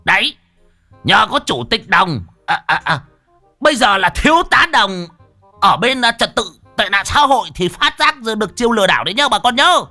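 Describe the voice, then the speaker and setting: A man voicing a loud, crude, boastful old male driver. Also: high voice, very animated, normal speed, hardly any pauses, faint music behind, voice pushed up, exaggerated voice. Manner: shouting, abusive, boastful.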